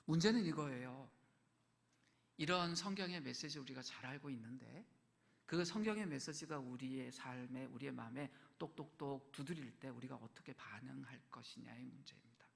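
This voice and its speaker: A man's voice: mid-range voice, moderate pace, creaky. A man preaching a sermon as pastor, dropping to near-whispers and then rising to emphatic lines. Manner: shifts between quiet near-whispers and raised emphatic lines. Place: church sanctuary. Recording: long hall reverb.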